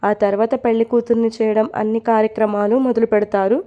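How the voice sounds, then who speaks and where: A woman narrating a romantic story with a steady, expressive reading. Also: on the high side, quick pace, lo-fi sound.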